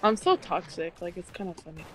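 A woman's voice: fairly low pitch, lively intonation, a little fast, a little hiss or hum. A woman chatting casually and slangily in game voice chat. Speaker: online gamer. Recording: voice chat with other voices behind.

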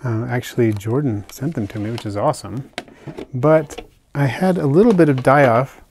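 An older man casually narrating a hobby vlog as he unpacks and shows his isopod purchases, talking in a relaxed, chatty way with fillers and soft asides. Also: mid-range voice, moderate pace, slight background noise. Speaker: isopod keeper unboxing purchases. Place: indoors at a table, hands on camera.

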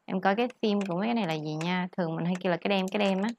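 A woman's voice: on the low side, rapid-fire, a little hiss or hum. A woman teaching English, patiently explaining word stress and mixing English words into her explanations. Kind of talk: tutoring lesson on word stress.

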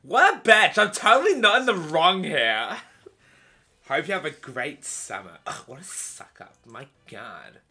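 A man's voice: a little high, sing-song, moderate pace, bright, forceful tone, soft background music, exaggerated voice. A man putting on a vain female TV star who sneers at everyone around her. The delivery is snide and mocking, full of self-importance. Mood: catty. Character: vain, catty female TV actress. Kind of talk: reading game dialogue aloud.

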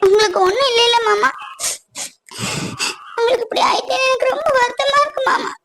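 A woman's voice: very high voice, moderate pace, gravelly, very noisy. A woman voicing a tender young wife in a cartoon, pleading with her husband through sobs. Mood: tearful. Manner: pleading, sobbing. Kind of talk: cartoon voice acting.

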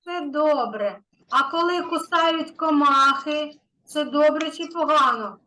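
A woman's voice: high voice, unhurried, pushed and bright, slight background noise, low-quality recording. A woman kindergarten teacher giving an online lesson to a young child, patient and encouraging, stretching out key words.

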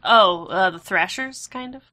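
A woman's voice: medium pitch, unhurried, sharp tone. A woman hosting a casual gaming podcast, chatty and full of hedging fillers, steering the talk. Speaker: podcast host.

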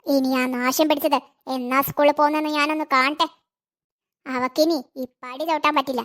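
Spiteful sneering stepmom voiced by a woman, cartoon villain, really high pitched. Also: steady tone, normal speed, a bit bright. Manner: sneering, mocking.

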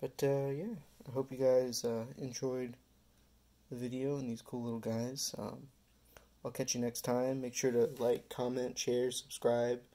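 A man hosting his own pet care vlog, talking in a relaxed, rambling way with many fillers and pauses. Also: medium pitch. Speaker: pet-keeping channel host.

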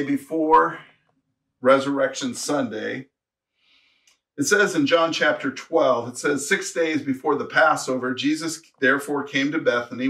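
Pastor, male, mid-pitched, earnest preacher, somewhat distant from the mic. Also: fairly bright tone. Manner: earnest preaching, reads scripture aloud, rises to emphatic peaks. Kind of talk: sermon.

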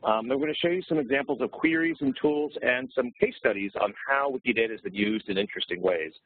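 Man, presenter on phone, husky, dry tinny sound. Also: mid-range voice, fast talker, no echo. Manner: steady, explaining, with fillers. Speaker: webinar presenter. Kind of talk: explanatory presentation.

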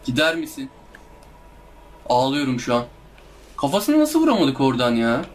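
A man's voice: mid-range voice, huge pitch swings, brisk. Exasperated young man groaning through gameplay. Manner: exasperated, groaning and pleading at the game. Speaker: gameplay streamer. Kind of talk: live gameplay commentary.

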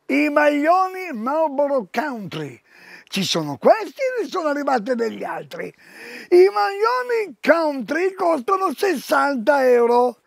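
Loud older salesman with a gravelly high voice. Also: very animated, unhurried, dry recording. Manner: loud, exclamatory, keeps calling out to viewers. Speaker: TV shopping presenter. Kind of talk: live store sales pitch. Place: shop floor.

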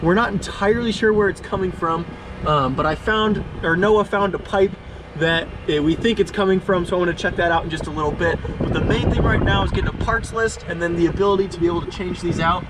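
A man's voice: high-pitched, fast talker, background noise. A young man in his twenties casually explaining repairs on an old RV he is renovating, in a joking, laid-back way. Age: 20s. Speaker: co-host renovating an RV. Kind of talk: casual vlog chat. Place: under and inside an old RV, outdoors and in.

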